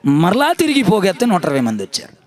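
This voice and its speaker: A man's voice: high voice, wildly swooping pitch, quick pace, dry recording. A man preaching a sermon as pastor, emphatic, repeating his phrases and calling on the congregation to answer. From India.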